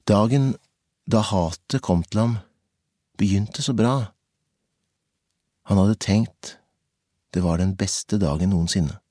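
A man narrating a novel as an audiobook in a measured, intense storytelling manner. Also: lowish voice, dark tone, no room sound, studio quality.

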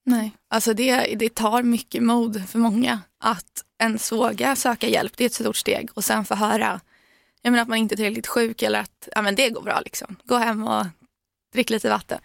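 Young woman talking slow, super creaky voice, flat. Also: fairly high pitch, no room sound, clean studio sound. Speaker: guest, daughter. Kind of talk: personal account in interview.

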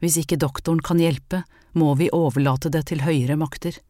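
A woman reading the part of a gentle, weary husband in an audiobook, speaking low and tender. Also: fairly even intonation, no room sound, studio quality, natural voice. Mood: soothing. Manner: soft, low and tender, turning dark.

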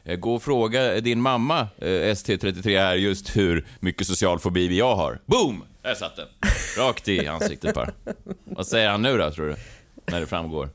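A man's voice: sits low, fairly bright tone, no echo. A man hosting a casual podcast, joking, laughing often and mocking himself. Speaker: podcast host. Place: studio in Stockholm.

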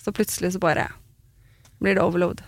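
A woman's voice: on the low side, steady tone, dry recording. Frank, blunt woman, dry close sound. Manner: candid, blunt storytelling with swearing. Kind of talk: casual chat.

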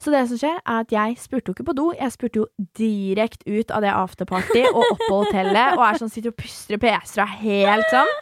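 Young woman, casual podcast storyteller, lively and profane, brightish pitch, dry studio. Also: hardly any pauses, dry recording. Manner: animated, swears, acts out quoted voices. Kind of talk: casual anecdote telling.

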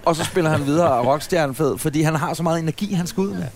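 A man's voice: on the high side, heavy background noise. A man chatting casually on a podcast recorded in a café, telling a long, rambling anecdote. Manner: rambling, animated anecdote-teller. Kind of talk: casual storytelling chat.

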